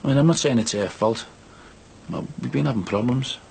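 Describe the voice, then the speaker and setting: A man's voice: medium pitch, lively intonation, fairly quick, vocal fry, a little mellow. A man playing a defensive married builder in a naturalistic soap drama, pleading his case with indignant self-justification. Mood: aggrieved. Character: defensive married builder, son, confessing an affair.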